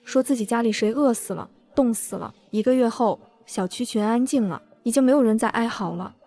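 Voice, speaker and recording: A woman's voice: on the high side, fairly quick, mellow. A woman narrating a first-person revenge story in a cool, smug way.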